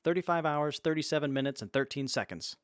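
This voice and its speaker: A man's voice: on the high side, animated, fast, dry recording, clean studio sound, close to an everyday voice. Man acting a precise, literal robot companion. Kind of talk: audio drama acting.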